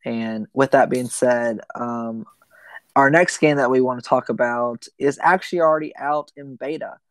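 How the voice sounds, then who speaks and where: Young male podcast host, casual and rambling, mid pitch, dry. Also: fairly even intonation, moderate pace, no echo. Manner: rambling with many ums and restarts. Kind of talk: casual gaming podcast chat.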